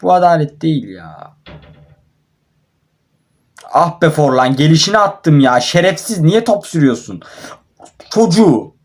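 A man's voice: fairly high pitch, big pitch swings, unhurried, long pauses. A young man commentating his own mobile football match, frustrated and swearing at his players. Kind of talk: live gameplay commentary.

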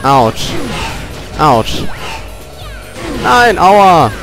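A man commenting on his own gameplay, grumbling and cursing at the game, with loud yelps and outbursts whenever he gets hit. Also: fairly high pitch, sing-song, drawn-out words, over music. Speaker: let's player. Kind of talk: gaming commentary.

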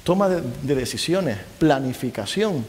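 A middle-aged man lecturing a live audience, his fairly high voice carried by a long hall reverb. He talks in an animated way and keeps tossing quick questions back at the crowd. A faint hiss sits under the recording. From Spain. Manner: lively, keeps asking the audience rhetorical questions. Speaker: university lecturer.

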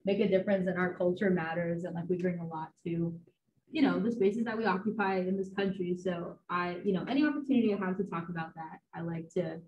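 A young woman from the Los Angeles area, a student staffer, hosts a casual panel over a video call, her voice lowish, quick and darkish in tone. She's chatty, full of fillers and easy laughs. The video call audio is dull, with a little hiss or hum.

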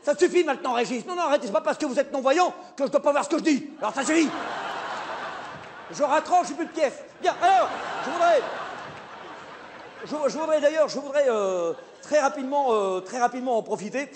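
A man's voice: very high voice, animated, fairly quick. A man playing a stammering, flustered theatre director. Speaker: comic stage performer. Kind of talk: live stand-up sketch. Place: theatre stage with live audience. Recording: live stage recording, audience noise.

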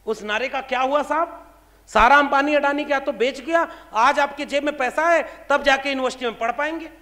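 Very high-voiced man giving a fiery speech. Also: brisk, sharp tone. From India. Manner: fiery, rhetorical, full of pointed questions. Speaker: speaker at a public meeting. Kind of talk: impassioned political speech. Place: large hall before an audience. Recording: reverberant hall sound.

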